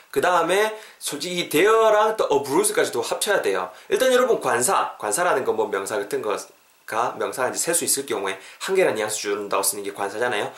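A man's voice: mid-range voice, a bit bright, roomy sound. A Korean man teaching an English expression on a podcast, drilling phrases for listeners to repeat.

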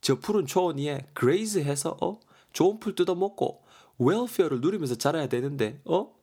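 A man's voice: fairly high pitch, animated, normal speed, mellow, slightly rough, pitched above the performer's own voice. A man voicing a mournful young man who laments theatrically and wails over cattle. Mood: lamenting.

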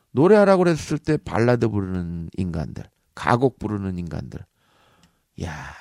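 A man who is a professor and speech coach gives a lively, teasing talk full of rhetorical questions and puns. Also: lowish voice, vocal fry, dry recording, clean studio sound. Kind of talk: lively talk-show lecture.

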